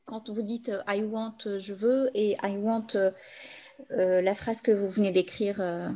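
A woman's voice: medium pitch, fairly even intonation, warm tone. Hesitant woman student over dull audio. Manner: hesitant, halting questions.

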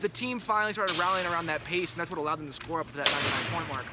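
High, fast-talking man hyping a basketball win. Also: heavy background noise. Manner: emphatic, enthusiastic talk. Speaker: sports reporter co-host. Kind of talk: postgame basketball analysis. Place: empty indoor basketball arena, courtside.

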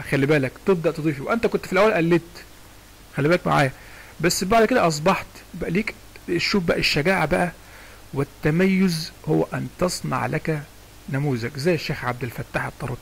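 Gravelly Egyptian man teaching recitation. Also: fairly high pitch, slight background noise, rough recording. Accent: Egyptian Arabic. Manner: chatty, digressive, often asks "understand me?". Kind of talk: casual spoken lesson with sung recitation examples.

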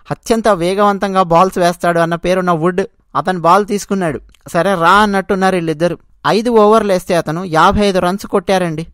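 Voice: medium pitch, dry recording. Cricket commentary host, dry close sound. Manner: conversational, emphatic, addresses listeners directly. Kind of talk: Telugu cricket commentary, recapping a match.

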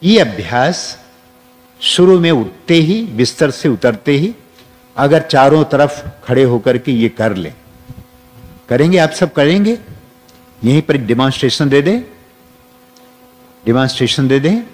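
Guy preaching slow in a big echoey hall, pitch jumping all over as he leads the crowd. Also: expressive, darkish tone. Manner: leads guided affirmations, repeats phrases. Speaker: spiritual teacher. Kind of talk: spiritual discourse to an audience. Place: large hall with an audience. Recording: long reverb from a hall.

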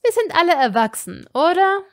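Woman voicing a calm young wizard lawyer. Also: heavily acted. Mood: firm. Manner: hushed, low and measured.

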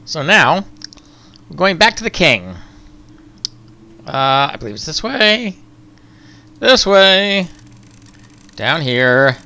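Slow-talking man narrating a game. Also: a little high, sing-song, vocal fry, bright, forceful tone. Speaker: let's-play host. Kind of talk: casual game commentary.

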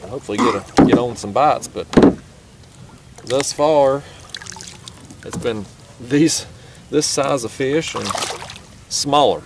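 Easygoing young man on a kayak. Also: fairly low pitch. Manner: easygoing, chatty, drawls "y'all" and "ain't". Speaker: fishing vlogger. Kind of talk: casual talk to camera while fishing. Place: kayak on a foggy river, outdoors. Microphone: action camera mounted on the kayak. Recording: faint outdoor river noise.

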